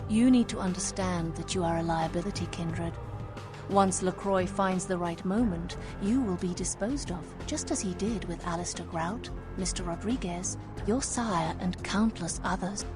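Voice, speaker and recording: A woman voicing a cold, scheming female vampire leader in a video game, speaking in a measured, formal, quietly threatening way, with music behind. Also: on the low side, lightly acted.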